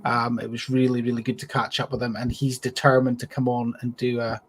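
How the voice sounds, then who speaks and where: A Scottish man hosts a casual live-stream conversation at a middle pitch. He talks in an easygoing way, agreeing often and trailing off into fillers. His voice comes through a video call with faint noise behind it. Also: little pitch movement, a little fast. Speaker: host.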